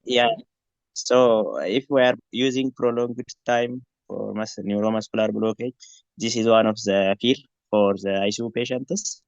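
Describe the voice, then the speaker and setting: A man from Ethiopia, a student answering in an online tutorial, measured with many fillers. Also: fairly low pitch, fairly even intonation, creaky, no room sound. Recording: dry, dull call audio.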